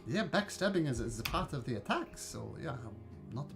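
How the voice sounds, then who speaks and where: A man's voice: medium pitch, moderate pace, creaky, music in the background. A man from New Zealand running a tabletop game on a video call, joking with the players. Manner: animated, joking. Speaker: game master. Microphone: computer mic on a video call.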